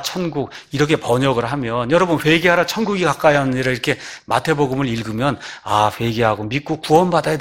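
A man preaching a sermon, often asking his listeners rhetorical questions and swinging between raised, emphatic phrases and low, quiet endings. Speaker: pastor.

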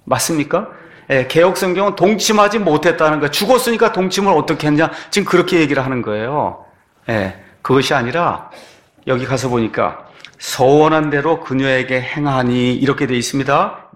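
Korean pastor preaching with rhetorical questions. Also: male voice, on the high side, expressive, brisk. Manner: emphatic, rhetorical questions and frequent "ye" affirmations. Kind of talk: sermon.

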